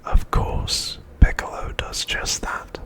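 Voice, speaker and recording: Whispering breathily with no voiced sound, a man delivers a scripted recap for an ASMR audience in a measured, hushed tone.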